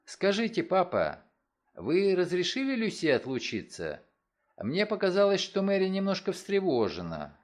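A man's voice: sits high, huge pitch swings, moderate pace, voice pushed up. A man doing a worried young woman. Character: anxious young woman, a banker's niece. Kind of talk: audiobook character reading.

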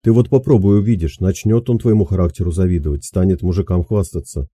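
A man's voice: sits low, fast, dark tone, no echo, studio quality. A man voicing an older peasant woman who gives soothing, homely advice in an audiobook. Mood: advising. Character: older peasant woman, gentle, wise advisor. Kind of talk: audiobook character voice.

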